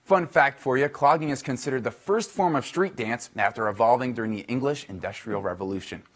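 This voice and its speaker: A man reading a scripted sports segment for a local news broadcast, in a brisk, upbeat newsreader delivery. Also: medium pitch. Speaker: sports reporter.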